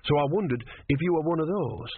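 A man's voice: fairly high pitch, lively intonation, fast, noisy background, pitched above the performer's own voice, close to an everyday voice. A man voicing an earnest, naive young male novice monk who speaks anxiously and sincerely, heard over tinny phone-like audio.

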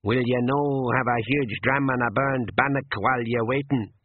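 A man's voice: mid-range voice, steady tone, moderate pace, close to an everyday voice. A man voicing a wily old male pixie with a cracked voice and a sly, hearty Scottish brogue. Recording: narrow phone-like sound.

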